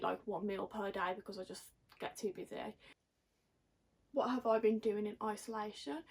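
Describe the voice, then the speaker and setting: A young Englishwoman chatting casually to camera in a giggly, tipsy, rambling and slangy way. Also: mid-range voice. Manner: rambling, slangy, self-mocking. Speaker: vlogger.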